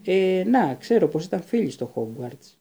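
A man's voice: high voice, very animated, mellow, slightly rough, voice pushed up, exaggerated voice. A man voicing an earnest, eager teenage boy wizard in an audiobook. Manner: earnest, pleading.

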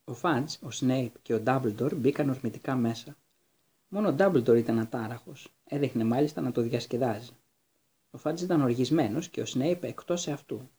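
A man narrates a storybook in a steady, measured way. His voice is dark and mellow, with a husky grain. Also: medium pitch. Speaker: audiobook reader.

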